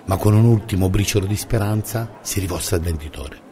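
A man narrating a children's story in a calm, measured way. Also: sits low.

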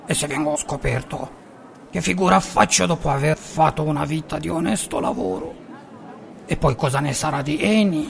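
A man voicing an honest, anxious old grandfather craftsman with a creaky voice in a storybook. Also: fairly high pitch, a little slow, big-room sound, voice pushed up. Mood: fretful. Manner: fretful and pleading.

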